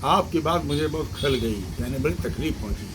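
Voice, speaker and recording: A man with a fairly high voice teaches the rules of prayer as a religious scholar. He moves slowly and carefully, spelling out letters and vowel marks and asking his listeners questions he then answers. Steady traffic noise and passing vehicles run behind him throughout. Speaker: Islamic scholar giving a religious lesson.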